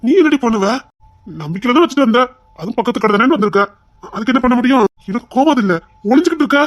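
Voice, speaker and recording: A contrite young husband, voiced by a woman, pleads in a Tirunelveli Tamil accent, piling up quick apologies and soft coaxing. The delivery is fast and close, with almost no room sound. This is web-series drama acting. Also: fairly high pitch, animated, dry recording. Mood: firm tender. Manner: pleading, repeats apologies rapidly. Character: young husband, remorseful and tender.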